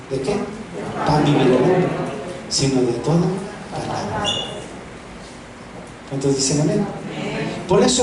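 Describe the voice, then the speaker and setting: A man preaching a Bible lesson in an animated way, asking rhetorical questions and repeating words for emphasis. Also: high voice. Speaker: preacher teaching a theology class. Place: large echoing church hall. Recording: very echoey hall, voice far from mic.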